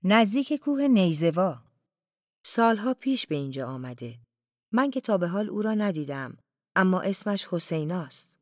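A narrator voicing a disheveled, desperate male shepherd who asks bewildered, pleading questions in a raised, louder voice. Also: mid-range voice, very animated, no echo, clean studio sound, pitched above the performer's own voice, close to an everyday voice. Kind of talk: audiobook character reading.

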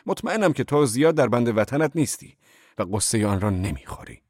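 A man's voice: medium pitch, sing-song, a little mellow, no room sound, clean studio sound, voice pushed up. A man voicing an earnest, educated young man in an audiobook reading, questioning in an indignant way.

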